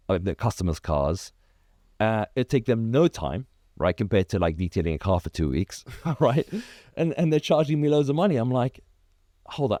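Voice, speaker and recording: Deep-voiced man telling business stories. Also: no echo, clean studio sound. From Iraq. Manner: animated storyteller, acts out quoted dialogue, many restarts. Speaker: car detailing business founder, guest. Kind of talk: casual interview chat.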